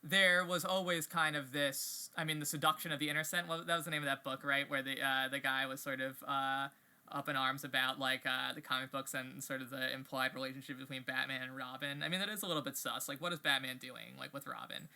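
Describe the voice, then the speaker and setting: A man's voice: medium pitch, little pitch movement, brisk, gravelly, bright, forceful tone, clean tone. A man co-hosting a podcast, chatting casually in a rambling, wry way full of fillers. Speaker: podcast co-host. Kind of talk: casual chat.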